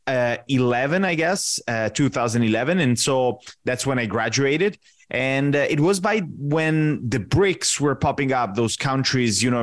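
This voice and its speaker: A man in his thirties from Italy, a native Italian speaker with a mid-range voice, gives casual answers as a podcast guest. He's relaxed but often pauses with fillers while searching for words.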